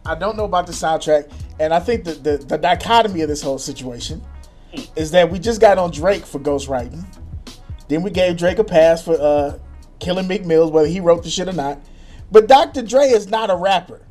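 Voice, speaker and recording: A man co-hosting a casual podcast chat, animated and profane, laughing often. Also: on the high side, brisk, soft background music. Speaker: podcast co-host.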